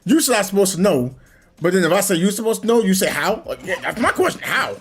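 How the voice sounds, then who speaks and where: A man streaming a game speaks fast in a high-pitched voice, with slight background noise. In casual chat he rambles through a long, animated story, performing the voices of the people he quotes.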